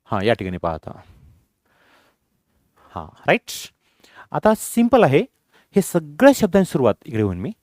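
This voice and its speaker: Animated man drilling an English lesson. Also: a little high, moderate pace, long pauses, no room sound, clean studio sound. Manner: drills students with repeated questions and answers; mixes English phrases into his explanation. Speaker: English teacher. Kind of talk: classroom grammar lesson.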